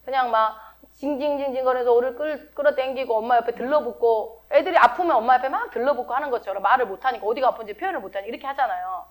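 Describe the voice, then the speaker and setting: A woman's voice: high-pitched, very fast, few pauses. A middle-aged woman pastor giving a sermon in a conversational way, often asking her listeners questions. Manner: conversational, asks the congregation many questions.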